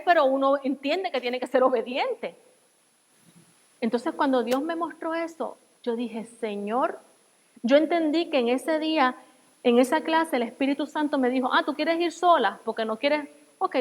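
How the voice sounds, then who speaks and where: Woman preaching, high voice, earnest testimony, long echo in a big hall. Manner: earnest testimony, slowing to soft emotional quiet passages. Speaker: guest preacher. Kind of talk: sermon.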